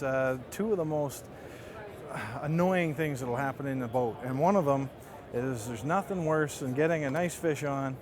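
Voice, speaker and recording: A man giving a casual, conversational product demonstration, explaining things like a marketing rep. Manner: explanatory, conversational sales pitch. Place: trade show booth. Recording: busy trade show crowd behind.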